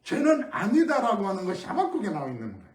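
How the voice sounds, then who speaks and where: Middle-aged korean pastor guy, chatty sermon with loud bursts, sounds far off from the mic. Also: high-pitched, wildly swooping pitch, fast. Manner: conversational storytelling sermon with sudden loud emphases. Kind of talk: early-morning sermon. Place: church sanctuary. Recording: echoey room, mic at a distance.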